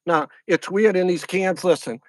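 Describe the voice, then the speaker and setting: A middle-aged man with a Louisiana accent chats loosely through a phone livestream from a lakeside camp at night. His voice sits fairly high for a man, and the sound is dry and close. He rambles, repeats his lines and greets viewers one by one. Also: normal speed, no echo. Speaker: fishing channel host. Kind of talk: casual livestream chat.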